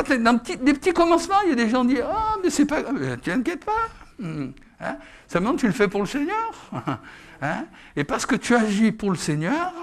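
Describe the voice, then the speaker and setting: Animated male pastor preaching, high voice. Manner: lively, chatty preaching with frequent "hein?" tags and laughter. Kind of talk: sermon. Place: church service with a congregation.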